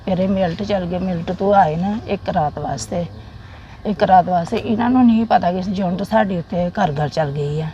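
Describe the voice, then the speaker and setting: A middle-aged woman with a Punjabi accent from the Jammu region, a soldier's widow recounting memories in a plain, halting way with repeated phrases. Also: lowish voice, dark tone, muffled recording, a little hiss or hum.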